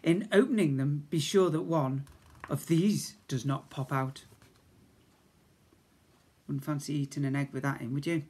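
A British infant school teacher in his fifties reads comic rhymes to young children with expression, slipping in chatty asides. His voice sits on the high side with fairly even intonation, a darkish, breathy tone, and a slightly slow delivery with long pauses. He's recorded in a small indoor school office on a device camera held at arm's length.

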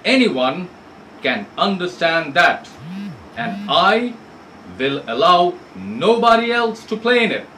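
A selfish, grumpy giant from a storybook, voiced gruffly by a male teacher reading aloud. He speaks slowly, with a lively rise and fall in his higher voice, and leans hard on each word. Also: recorded from a distance, a little hiss or hum, full character voice, rough recording. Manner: gruff, slow and emphatic.

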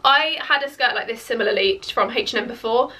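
A young woman chats her way through a fashion try-on haul, gushing and doubling up her words for emphasis. Her voice sits a touch high and sounds bright and forceful. She sits a little back from the mic. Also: brisk, distant mic. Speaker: fashion vlogger. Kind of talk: casual try-on haul chat.

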